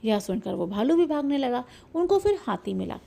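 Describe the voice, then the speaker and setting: Woman, high voice, lively storyteller, children's lesson, animated. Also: normal speed, gravelly. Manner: lively animated storytelling, retelling each part twice. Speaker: teacher.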